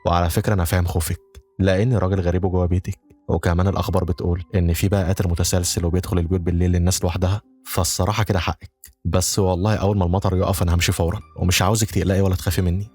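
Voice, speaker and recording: A man with an Egyptian Arabic accent voicing a creepy male stranger who talks his way into a house, smooth and overly familiar. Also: low voice, little pitch movement, racing, few pauses, a little mellow, faint music behind. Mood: eerily calm. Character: creepy male stranger, eerily calm intruder.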